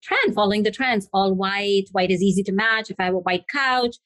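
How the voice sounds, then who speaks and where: A woman's voice: medium pitch, fairly quick, fairly bright tone, no echo. A woman from Pakistan, an interior designer guest, earnestly telling her story in a casual podcast interview.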